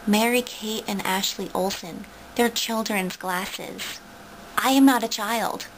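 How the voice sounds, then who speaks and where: A woman's voice: mid-range voice, fairly even intonation, takes it slowly, a little hiss or hum, rough recording. A young woman in a playful, self-mocking comic video entry, speaking in a practiced fake British accent. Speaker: vlogger.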